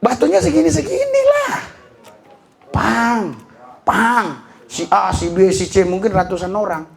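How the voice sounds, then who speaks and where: A man preaching a sermon as pastor, lively and full of laughter and shouted exclamations. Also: sits high, a little fast, creaky.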